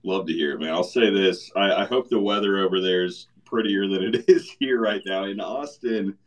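Relaxed rambling man hosting. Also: deep voice, normal speed. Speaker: host. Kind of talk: casual chat. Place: festival event in Austin.

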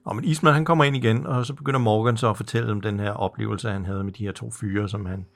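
A man's voice: lowish voice, steady tone, vocal fry. A man in casual podcast chat, recapping a TV episode and agreeing along with his co-host in short replies.

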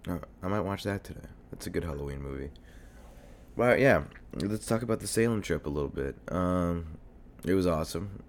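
Speaking at a normal pace and with plenty of expression, a young man hosts his podcast alone while sick and stuffed up. His deep, hoarse voice drifts casually through fillers and curse words, captured on a desk mic by his computer at home with a little hiss or hum.

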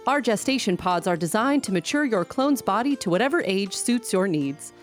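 An actress voicing a perky phone hold announcer with an upbeat sales pitch. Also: female voice, lively intonation, moderate pace, faint music behind, lightly acted.

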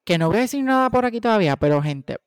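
A man's voice: high voice, lively intonation, very fast, clean tone, no room sound, studio quality. Puerto Rican man chatting in casual Spanglish. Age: 20s. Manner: Spanglish, constantly switching between Spanish and English. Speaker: podcast co-host. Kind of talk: casual chat.

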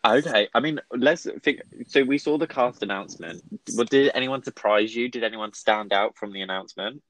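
A man's voice: medium pitch, fairly quick, fairly bright tone, dry recording, rough recording. A man hosting a casual chat, laughing often and poking fun at himself. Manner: chatty, laughing, self-deprecating. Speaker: podcast host.

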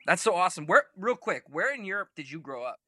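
A man hosting a casual interview, asking quick questions with enthusiastic reactions. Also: sits high, big pitch swings, pushed and bright, breathy edge, dry recording, clean studio sound. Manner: upbeat, enthusiastic rapid-fire questions. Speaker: podcast host.

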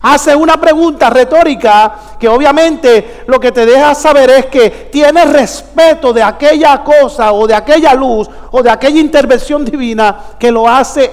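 High-voiced man preaching in an echoing church. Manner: emphatic, calls out questions to the congregation. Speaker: pastor. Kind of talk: preached sermon.

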